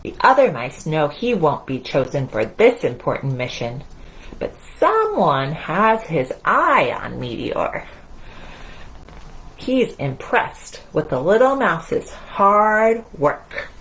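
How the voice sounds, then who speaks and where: Deep-voiced yet a bit bright, a woman children's librarian speaks slowly with big pitch swings while leading young children through movement and read-aloud storytime. Her tone is encouraging and singsong; the poor audio has a little hiss or hum.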